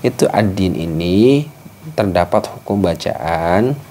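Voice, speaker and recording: A man teaching Quran recitation rules in a patient, explanatory way, breaking into slow chanted examples. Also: low voice, lively intonation, dark tone, slight background noise. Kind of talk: tajwid lesson with recited examples.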